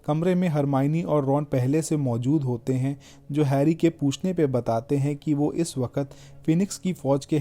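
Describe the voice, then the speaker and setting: A man narrating a film's story in a steady, scripted storytelling voice. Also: medium pitch. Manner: steady, even storytelling delivery. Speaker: film recap narrator.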